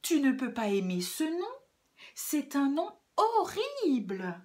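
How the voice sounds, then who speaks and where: A woman voicing a rude, bratty little girl in a children's storybook, shouting insults insolently. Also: high-pitched, wildly swooping pitch, takes it slowly, a little hiss or hum, pitched above the performer's own voice, heavily acted.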